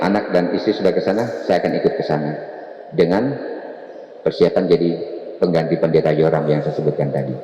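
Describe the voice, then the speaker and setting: A middle-aged man giving a lively spoken testimony in a mosque, telling his story and taking on the voices of the people in it. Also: low-pitched, dull audio. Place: large mosque hall. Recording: echoey hall reverb.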